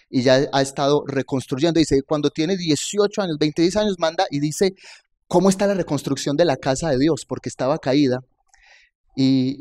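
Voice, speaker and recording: A man's voice: medium pitch, darkish tone. A male pastor preaching a sermon in a conversational style, asking the congregation rhetorical questions and building up to emphatic points. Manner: rises to emphatic peaks on key points.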